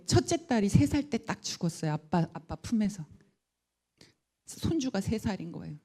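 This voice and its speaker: A middle-aged woman giving a sermon testimony, telling her story in a lively way and acting out the voices she quotes. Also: mid-range voice. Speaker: guest speaker, school principal.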